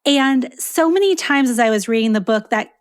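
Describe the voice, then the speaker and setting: A woman's voice: fairly high pitch, animated, moderate pace, smooth. A woman hosting a podcast, asking a guest thoughtful questions. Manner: soft backchannels, thoughtful questions. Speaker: podcast host. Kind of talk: casual interview talk.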